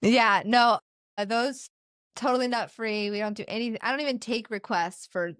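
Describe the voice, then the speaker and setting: A woman's voice: on the high side, moderate pace, a bit bright, smooth, no echo. Candid, foul-mouthed woman guest, dry sound. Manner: candid, swears freely, laughs often. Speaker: guest, dessert business founder. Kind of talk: casual podcast chat.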